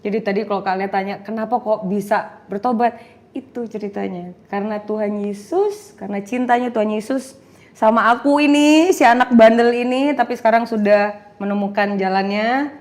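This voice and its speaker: A woman's voice: medium pitch, fairly even intonation, normal speed, a little mellow. A young woman telling an emotional personal testimony in an interview, acting out the dialogue in her story and slipping in English phrases. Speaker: guest giving a testimony.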